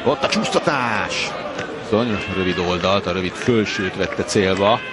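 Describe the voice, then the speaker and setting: A man working as a football commentator, following the play live. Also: low voice. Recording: crowd and noise, live match broadcast.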